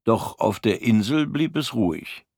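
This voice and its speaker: A man reading an audiobook in a measured, even storytelling manner. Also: lowish voice, gravelly, no room sound, clean studio sound. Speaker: narrator. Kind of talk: scripted audiobook narration.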